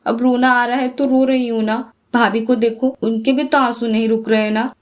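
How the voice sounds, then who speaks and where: A woman's voice: a little high, little pitch movement, normal speed, pitched above the performer's own voice, lightly acted. Woman doing a tearful, sulky teenage girl. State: crying.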